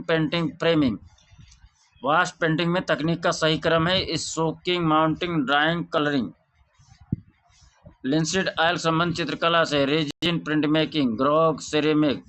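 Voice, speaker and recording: A man teaching an exam revision lesson, reciting questions and answers in a steady drilling way. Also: on the high side. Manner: softer, chatty sign-off to viewers.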